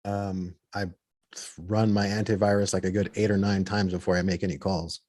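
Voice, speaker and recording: A man playing a tabletop roleplaying game, improvising in a hesitant, halting and wordy way. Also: deep voice, level tone, a little mellow.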